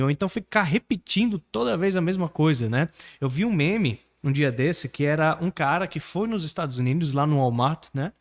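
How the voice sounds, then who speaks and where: A man from Brazil with a high voice that swings up and down as he teaches English. He talks energetically and persuasively, coaxing the viewer to repeat words after him. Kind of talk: online English lesson and course pitch.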